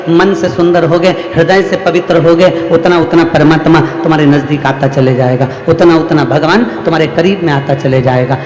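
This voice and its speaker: A man preaching a devotional sermon to a large gathering, with repetitive, rhythmic, emphatic phrasing. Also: high-pitched. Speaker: preacher telling a religious discourse. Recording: echoey hall with long reverb.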